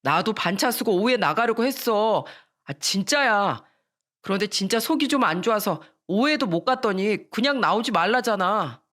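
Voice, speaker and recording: A feckless husband in a storybook radio drama, read by a woman narrator. He whines and makes excuses. The voice sits at a middle pitch. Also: animated, normal speed, fairly bright tone, natural voice. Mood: defensive. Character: feckless pleading adult husband, defensive.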